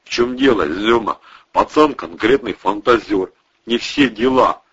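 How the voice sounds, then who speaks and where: Bumbling slangy sidekick, drawling, low and husky, voiced by a male reader, dull sound. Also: animated, unhurried, fairly bright tone, full character voice. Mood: gruff.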